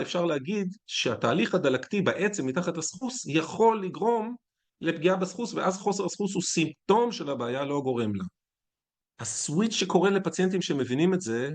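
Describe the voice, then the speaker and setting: A man lecturing in a slightly high voice. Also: lively intonation. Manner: conversational, anecdotal, candid. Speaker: physician lecturing at a conference. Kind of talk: conference lecture.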